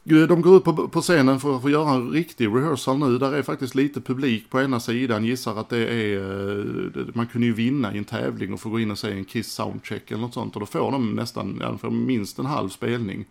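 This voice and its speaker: A man's voice: medium pitch, steady tone, vocal fry, few pauses. A man giving casual, frank commentary as a music collector, swearing casually as he talks through old footage.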